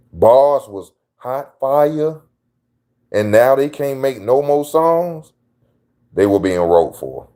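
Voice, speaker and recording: A man's voice: medium pitch, warm tone. A man hosting his own channel, giving casual opinion commentary in a slangy, emphatic way that repeats his points. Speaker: channel host.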